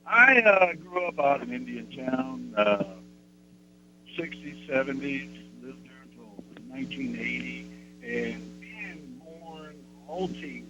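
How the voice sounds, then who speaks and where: A man in his sixties calling in to a radio show over the phone, telling his story slowly and reflectively, with pauses. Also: mid-range voice, expressive, soft background music. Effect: voice heard over the phone. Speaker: radio call-in caller. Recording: phone line with loud hum.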